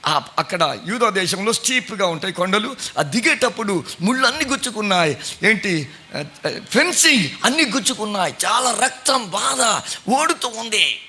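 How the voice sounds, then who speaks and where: A man's voice: sits high, sing-song, normal speed, sharp tone. A middle-aged man preaching a sermon as pastor, questioning his congregation in a conversational way. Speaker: pastor and Bible college principal.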